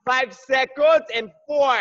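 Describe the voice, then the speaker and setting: High-pitched, hard-driving gym-bro fitness coach, male. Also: takes it slowly, fairly bright tone, dull audio. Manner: high-energy gym-bro encouragement, clipped repeated praise. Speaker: group fitness instructor. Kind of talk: workout class coaching, shouted cues and countdowns. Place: large indoor gym, on a video call.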